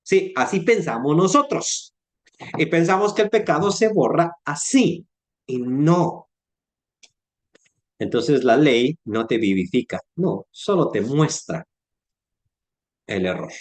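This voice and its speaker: A man preaching a Bible sermon, telling stories in an animated way and acting out dialogue. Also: fairly high pitch, slow pace, pauses often. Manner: animated storytelling with acted-out dialogue.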